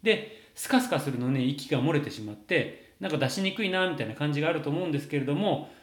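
A man coaching singing, answering viewer questions in a lively, explanatory way with frequent fillers. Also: on the high side, quick pace. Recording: roomy echo.

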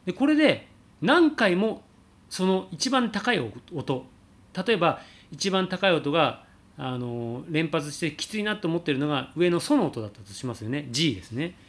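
A man teaching singing, calmly answering a viewer's question about high notes and showing sung slides. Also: normal speed. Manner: explains calmly, demonstrates sliding sung vowels.

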